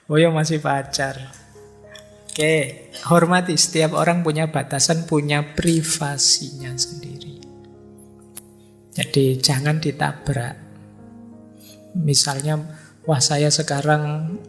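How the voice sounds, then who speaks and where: Gravelly male lecturer. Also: fairly high pitch, fairly even intonation, slow pace, long pauses, soft background music. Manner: conversational, acts out little quoted dialogues. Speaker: Islamic philosophy lecturer. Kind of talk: relaxed lecture to a live audience.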